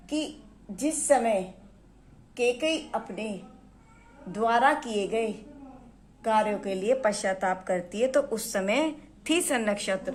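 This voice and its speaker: A woman teaching Hindi poetry on her own channel. She explains the verses line by line, glosses words, repeats herself, and reads the verse lines louder. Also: a little high, slight background noise.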